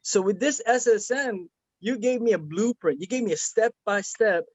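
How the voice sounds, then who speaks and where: This Filipino man speaks at a normal speed in a high voice, offering a rambling, earnest testimonial during a casual video call. He uses many fillers and keeps restarting, and the lo-fi sound has no echo.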